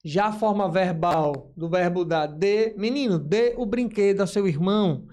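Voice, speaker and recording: A man's voice: sits high, measured pace, darkish tone. A male teacher giving a grammar lesson, explaining step by step and voicing imagined student questions.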